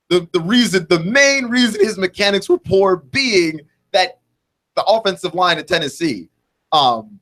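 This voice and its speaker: A man's voice: a little high, a bit bright. A man in his twenties hosting a sports talk radio show, thinking aloud in a rambling way with many restarts and "right?" tags. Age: 20s.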